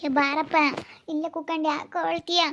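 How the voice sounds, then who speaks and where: A woman's voice: high voice, flat delivery, normal speed, fairly bright tone, a little hiss or hum. A woman with a rural Chitradurga Kannada accent playing an older village mother who coaxes and soothes with repeated pleas in a village family drama. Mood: consoling. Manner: coaxing, repetitive soothing.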